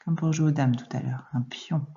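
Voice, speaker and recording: A woman teaching young children to read, speaking slowly and clearly and addressing the child directly as she dictates. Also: low voice, steady tone, mellow, highs cut off. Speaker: primary school teacher. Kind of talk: recorded reading lesson and dictation for young children.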